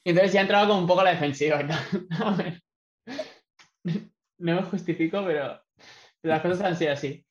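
A man talks about a film with a high-pitched voice, a little fast and pausing often. His manner is casual, rambling, and hedging, and the sound is echoey and lo-fi dull.

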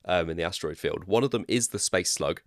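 A man's voice: low voice, fast talker, dry recording, clean studio sound. A man with a West Country accent co-hosting a podcast, explaining in a rambling, chatty way and laughing at himself. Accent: West Country English. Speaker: podcast co-host. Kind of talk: casual chat.

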